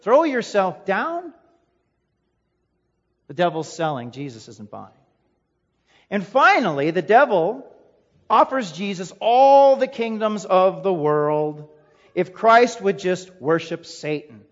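A man's voice: high-pitched, expressive, slow. A male pastor preaching a sermon in an emphatic way, with rhetorical questions and a repeated refrain. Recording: echoey hall, dull lo-fi sound.

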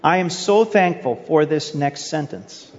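Pastor preaching in a reverberant church. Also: male voice, a little high, measured pace, darkish tone, muffled recording. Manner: earnest preaching with rhetorical questions. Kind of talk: sermon. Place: church sanctuary.

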